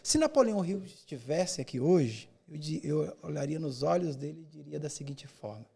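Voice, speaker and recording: A man's voice: on the high side, expressive, normal speed, vocal fry, warm tone, breathy edge. A man who mentors public speaking, answering in a podcast interview with emphatic, rhetorical delivery and repeated words for effect.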